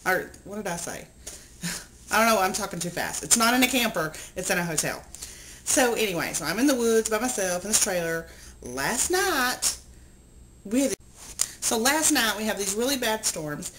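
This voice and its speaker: A woman's voice: mid-range voice, normal speed, background noise. A middle-aged woman talking casually to camera in a vlog, chatty and rambling, telling stories with lots of ums. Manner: chatty, rambling, animated storytelling with many ums. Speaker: vlogger.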